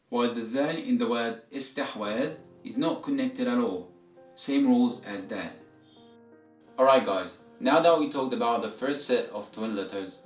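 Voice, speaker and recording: A man giving a step-by-step language lesson as a teacher, explaining methodically and repeating examples for learners. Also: medium pitch. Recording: roomy echo, distant mic, music behind.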